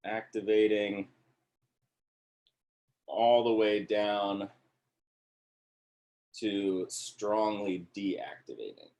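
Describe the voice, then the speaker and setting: A man's voice: fairly low pitch, extremely slow, long pauses, darkish tone. A man lecturing a class on organic chemistry in an upbeat review, often checking in with the class.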